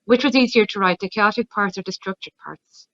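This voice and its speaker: A woman's voice: mid-range voice, brisk, fairly bright tone, no echo. Woman hosting, dull dry audio. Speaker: event host and interviewer. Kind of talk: informal literary event hosting.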